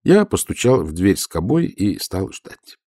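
A man narrating a first-person audiobook in a composed, dry way. His voice sits low yet moves freely up and down through each phrase. The sound is close and dry, with no room in it. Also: very animated, measured pace, warm tone, dry recording.

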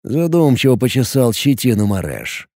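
A man narrating a fantasy audiobook with an expressive storytelling delivery. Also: medium pitch, normal speed, no room sound, studio quality.

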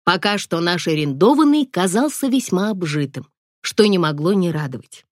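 A woman narrating a first-person audiobook in a wry, expressive storytelling manner. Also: lowish voice, normal speed, dry recording, clean studio sound.

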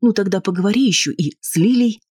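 A man's voice: high voice, fast, breathy edge, dry recording, studio quality, pitched above the performer's own voice. A man reading an audiobook, voicing a worried, insistent wife who argues with her husband. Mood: agitated. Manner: pleading, sharp and defensive. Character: anxious, insistent wife, adult woman.

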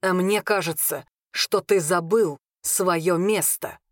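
A woman's voice: lowish voice, slow pace, no room sound, studio quality. Woman voicing Arvin, a jealous dragon lord. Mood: scornful. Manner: harsh, scornful, shouting. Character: quick-tempered young male dragon lord, jealous and arrogant.

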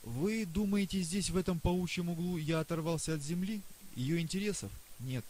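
A man voicing a boastful, excitable old male astronomer professor in an audiobook reading. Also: on the high side, pitched above the performer's own voice, natural voice, rough recording. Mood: earnest. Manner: lively, boastful, rapid questioning. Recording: faint hiss.

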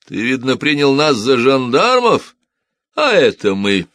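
A man's voice: medium pitch, wildly swooping pitch, measured pace, a bit bright, no echo, clean studio sound, voice pushed up, exaggerated voice. A man voicing a brutal, menacing bandit leader posing as a gendarme in a storybook reading. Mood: mocking. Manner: bellowing, menacing.

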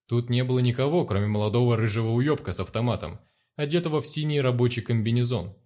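A man's voice: mid-range voice, fast, dark tone. A man narrating a first-person story in a crude, profane, sardonic manner.

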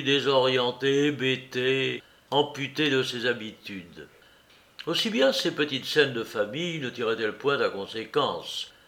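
Slow, measured male audiobook reader. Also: mid-range voice. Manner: measured, expressive literary reading. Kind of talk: scripted audiobook narration of a novel.

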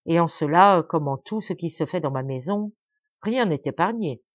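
A pompous, lavish lord, put on by a woman reader in a storybook tale, coaxing his guest with grand, insistent offers. The voice rides high and lively, swooping up on every boast. It sounds dull and lo-fi, close and dry. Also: moderate pace, no room sound. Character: pompous lavish old male lord, teasing host.

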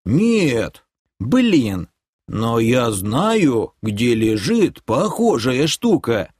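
A man voicing an eccentric, cheerful old male creature grandpa in an audiobook, with a drawling, unhurried, carefree manner. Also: medium pitch, very animated, darkish tone, husky, no echo, studio quality, heavily acted. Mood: sly. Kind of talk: audiobook character voice.

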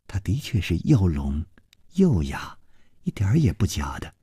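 A man puts on a subdued young disciple who murmurs low and sometimes drops to a whisper. The voice is husky and recorded dry. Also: huge pitch swings, moderate pace, warm tone, no room sound, full character voice.

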